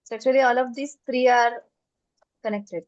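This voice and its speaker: A German teacher guides a small online class through the language, moving easily between English and German and explaining patiently one step at a time. Her slightly high voice is dry and close-miked, with a steady tone and normal pace. The audio has no echo but sounds dull.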